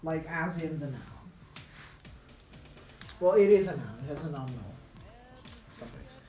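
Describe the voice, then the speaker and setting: A woman's voice: low-pitched, lively intonation, a little slow, mellow, echoey room, soft background music, poor audio. A woman teaching English pronunciation in a casual lesson, thinking aloud with many fillers and self-corrections.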